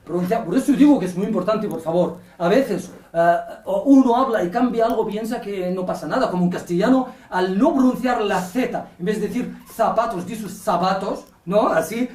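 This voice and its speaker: A woman's voice: mid-range voice, fairly quick, few pauses, mellow, roomy sound, far from the mic. A woman teaching Arabic pronunciation in a call-and-repeat lesson. She patiently repeats each sound several times and keeps checking in with "¿de acuerdo?".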